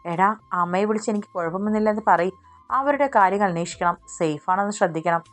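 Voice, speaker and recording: A woman voicing a worried, tender young man in a Malayalam audiobook story, speaking softly. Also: mid-range voice, fast, faint music behind, natural voice.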